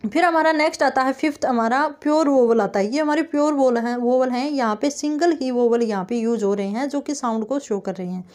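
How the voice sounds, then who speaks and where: A woman with a high, light voice teaches phonetic transcription in an online lesson. She explains each step patiently and checks in with her viewers often. She stretches out example words slowly so they can be heard clearly. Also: darkish tone. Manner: explains step by step, often says "thik hai friends".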